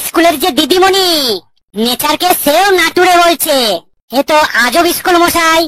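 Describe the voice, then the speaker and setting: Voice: extremely high pitch, moderate pace, sharp tone. A voice actor playing an incredulous new male schoolmaster in a cartoon, correcting everyone's English. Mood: exasperated. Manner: exasperated, incredulous. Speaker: new teacher.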